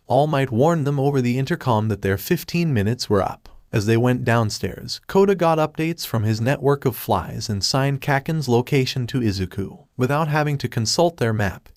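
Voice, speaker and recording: A man narrating a fan fiction story in a steady, even reading style. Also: mid-range voice, no room sound, clean studio sound.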